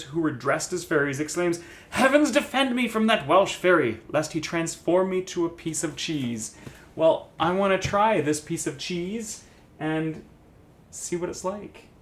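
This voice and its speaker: Male cooking host, casual and talkative, a bit high-pitched, recorded in a roomy kitchen. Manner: chatty, admiring, thinks aloud while cooking. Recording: echoey room with guitar music behind.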